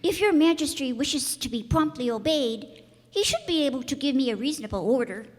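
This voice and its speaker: A woman's voice: high voice, animated, a little fast. A woman playing a curious, innocent little boy prince in a radio play, earnest, candid and wide-eyed. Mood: disappointed. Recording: echoey hall, long reverb.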